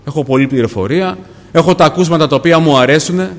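A man preaching a sermon, swinging between loud urgent pleading and hushed passages. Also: on the high side. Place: church. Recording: long reverb of a church hall.

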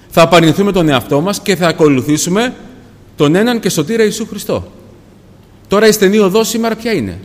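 A man preaching a sermon, swinging between loud urgent pleading and hushed passages. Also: a little high. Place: church. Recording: long reverb of a church hall.

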